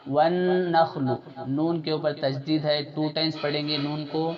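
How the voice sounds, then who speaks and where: A man teaching tajweed step by step, repeating letters and phrases slowly for learners to copy, at times chanting verses in a drawn-out melodic way. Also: fairly high pitch, monotone. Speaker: Quran recitation teacher. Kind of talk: slow step-by-step tajweed lesson. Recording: dull lo-fi sound with crowd noise behind.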